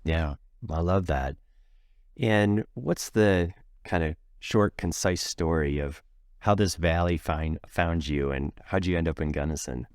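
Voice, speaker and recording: Deep, smooth-voiced male podcast host. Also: a little slow, no echo, studio quality. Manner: upbeat, encouraging interviewer. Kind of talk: casual interview conversation.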